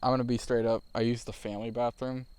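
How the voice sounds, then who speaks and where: A man's voice: medium pitch, little pitch movement, fast talker, darkish tone, smooth. Young man telling a rambling story. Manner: rambling storyteller, laughs through his own story. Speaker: podcast co-host. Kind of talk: casual chat.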